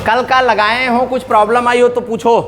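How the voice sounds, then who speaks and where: A man's voice: extremely high pitch, flat delivery, normal speed, crowd noise. A middle-aged man teaching accounting in a classroom, mixing English terms into his talk and checking in with his students. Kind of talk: classroom lecture.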